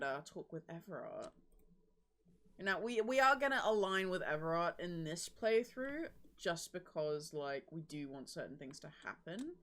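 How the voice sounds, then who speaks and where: A woman hosting a casual game stream, playful and quick to laugh. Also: fairly low pitch, a bit bright. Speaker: streamer host. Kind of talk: casual gameplay commentary.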